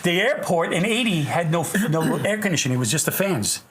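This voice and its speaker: A man's voice: on the high side, a little fast, slight background noise. A man in his sixties from New York, hosting a casual talk show and telling stories with frequent laughter. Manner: animated, laughing storyteller. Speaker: host. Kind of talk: casual interview chat.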